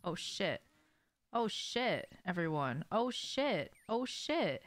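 A young woman streams a game from a small room at home, chatting informally with her viewers, swearing and reacting to the gameplay. Her mid-range voice swings widely in pitch and moves slowly.

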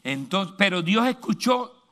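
A male pastor preaching a sermon, emphatic, moving between loud lines and hushed asides. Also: sits high, lively intonation, unhurried.

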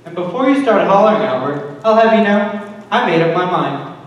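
A teenage actor playing a swaggering rock-and-roll idol in a school musical, singing and talking brashly. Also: male voice, sits high, animated, fairly quick, dull audio. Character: cocky rock-and-roll idol about to join the army. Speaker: stage actor. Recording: echoey auditorium from far off, with live band.

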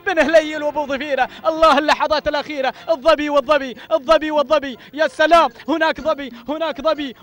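A man's voice: very high voice, a bit bright. A man calling a race live, exclaiming and repeating cries of praise. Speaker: race commentator. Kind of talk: excited live race commentary.

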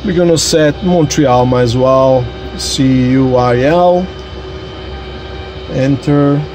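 A man's voice: medium pitch, slow pace, a little mellow, a little hiss or hum. A man casually walking viewers through starting up his home flight simulator cockpit, talking straight to them as he clicks through screens, recorded on a phone in the sim room. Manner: chatty, addresses viewers directly. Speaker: flight sim hobbyist host. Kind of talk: casual tutorial walkthrough. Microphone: phone camera held or mounted nearby.

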